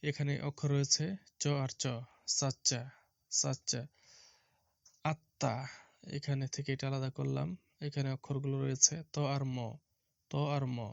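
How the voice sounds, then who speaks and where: Patient gravelly male teacher, steady delivery. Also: medium pitch, no echo, highs cut off. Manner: slow, repetitive, spells out letters patiently. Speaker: primary school teacher. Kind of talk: recorded Bengali reading lesson.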